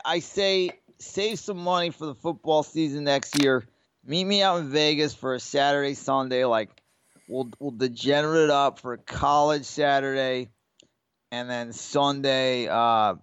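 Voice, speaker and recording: With a mid-range, smooth, fairly bright voice that runs a little slow, this man co-hosts a podcast about sports betting in a casual way. The audio is lo-fi with no room sound, and he rambles through profane stories while acting out the quoted people.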